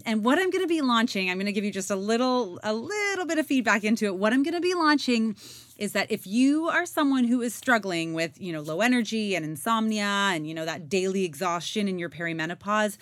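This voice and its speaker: A woman's voice: mid-range voice, no echo, studio quality. A woman in her forties hosting a podcast, chatting casually with lots of fillers while recording inside a closet. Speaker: podcast host. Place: inside a small clothes closet.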